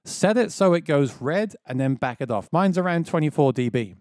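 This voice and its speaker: With lively intonation, a normal pace and a darkish tone, a man in his thirties enthusiastically leads a casual step-by-step music gear tutorial. He describes his voice as quite low, and he's recorded echo-free on a dynamic mic on a boom near his face in a small home studio.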